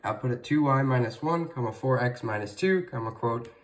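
A man's voice: mid-range voice, brisk. Male tutorial presenter, slightly distant mic, dictating code one symbol at a time in clipped segments. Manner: dictating code symbol by symbol in short separate pieces. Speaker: presenter of a calculator programming tutorial. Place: indoors at a wooden table, off camera.

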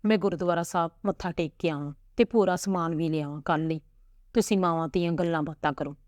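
Gentle village father, as a woman reads him. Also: on the low side, fast talker, no room sound, studio quality, lightly acted. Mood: relieved. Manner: soothing, reassuring. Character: gentle village father, middle-aged man, reassuring.

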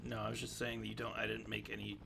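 Guy running a military game, real creaky voice, playful nicknames, bit of noise on the headset. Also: lowish voice, completely flat delivery, fast. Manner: playful, uses silly nicknames. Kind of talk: casual gaming voice chat, briefing players. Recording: gaming headset with clear background noise.

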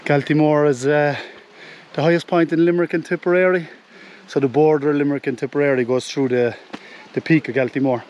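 A man in his thirties with an Irish accent, walking a mountain trail and explaining the route in a relaxed way, pausing on fillers as he films himself at arm's length. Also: on the high side, lo-fi sound, a little hiss or hum. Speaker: hiking vlogger. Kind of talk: casual walking commentary. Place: open mountainside outdoors. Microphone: camera held at arm's length.

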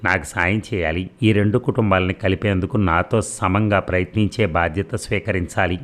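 A spirited, teasing young woman pleads her case in a novel's audiobook, as a man reads her lines. The voice stays very deep and low throughout, earnest and persuasive rather than acted up, like a storyteller lending her his own tone. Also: steady tone, moderate pace, a bit bright. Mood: pleading. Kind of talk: audiobook dialogue reading.

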